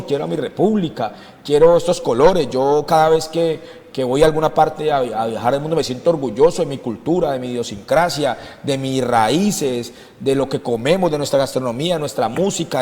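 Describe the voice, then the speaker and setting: A man's voice: medium pitch, animated, normal speed, darkish tone, big-room sound. A man from Colombia speaking as a political commentator on a talk show, impassioned and emphatic, repeating phrases for stress.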